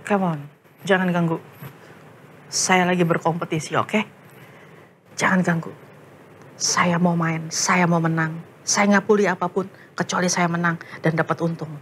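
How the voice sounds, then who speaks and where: A woman's voice: lowish voice, flat delivery, normal speed, pauses often, slight background noise, voice pushed down, lightly acted. A woman voicing a cocky young man who dismisses everyone and cares only about winning. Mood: dismissive. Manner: curt, dismissive.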